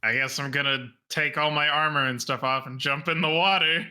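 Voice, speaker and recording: A man playing a tabletop game with friends. His voice is very bright and sharp, and he keeps laughing at his own jokes. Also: on the high side, steady tone, brisk, clear, resonant tone. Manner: laughing, joking. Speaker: player. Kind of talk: casual tabletop play.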